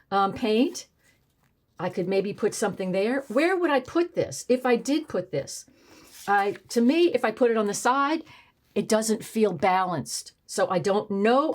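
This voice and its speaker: A woman art teacher demonstrating collage on a painting, thinking aloud as she tries pieces in different spots. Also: medium pitch. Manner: thinks aloud, musing and trying options.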